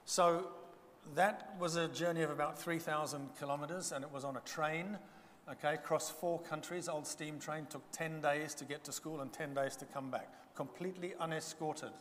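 In a reverberant church hall with faint ambience and a little hiss or hum, an older Zambian man gives his testimony as a guest speaker. Bemba is his first language, and he jokes at his own expense. His voice is high-ish and a bit bright, with fairly even intonation at a moderate pace.

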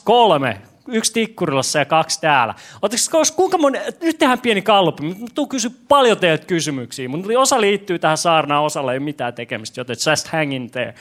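A young pastor with a high, fairly bright voice preaches a lively sermon in a church hall. Before his congregation he jokes, puts himself down, asks questions, and stumbles over words, stammering and restarting.

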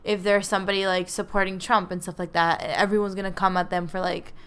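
Young woman gossiping about celeb news, super chatty, lots of "like", smooth clear voice. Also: medium pitch, flat delivery, fast, a bit bright. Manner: chatty, opinionated, many fillers. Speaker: co-host. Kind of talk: casual celebrity news chat.

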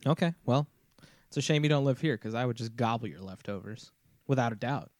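A man's voice: brisk, no echo, studio quality. A young man from Ohio with a Northeast Ohio accent, co-hosting a casual podcast chat, joking and laughing often. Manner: joking, laughs often, lively pitch swings. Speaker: podcast co-host.

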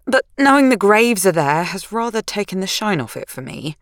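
A woman's voice: mid-range voice, big pitch swings, normal speed, dry recording, clean studio sound, voice pushed up, close to an everyday voice. A woman narrator voicing an anxious, easily provoked young wife, pleading and emphatic. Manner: fretful, pleading, rising emphasis.

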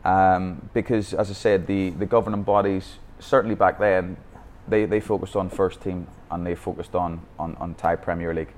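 In a podcast interview recorded in Bangkok, a youth football academy founder from Northern Ireland tells his coaching story with a Northern Irish accent. His low voice keeps a steady tone at normal speed with hardly any pauses, and he speaks candidly, often restarting his sentences.

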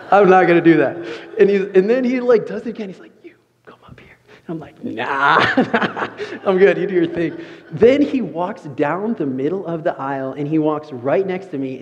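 A young man preaching a sermon as a pastor, telling an animated story. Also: high voice. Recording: muffled sound, long reverb of a large room.

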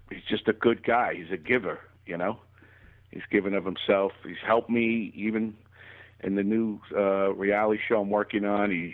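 A man's voice: lowish voice, phone-quality sound. A man co-hosting a casual comedy talk show, effusive and loose, often breaking in with exclamations. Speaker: comedian co-host. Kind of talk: casual podcast chat.

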